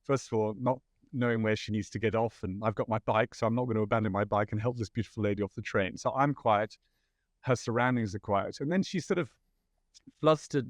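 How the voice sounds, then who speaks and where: A man's voice: fairly low pitch, dry recording, studio quality. British man telling a rambling anecdote. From Britain. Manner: rambling anecdotal, self-deprecating, frequent restarts. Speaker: podcast guest, photographer. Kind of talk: conversational storytelling.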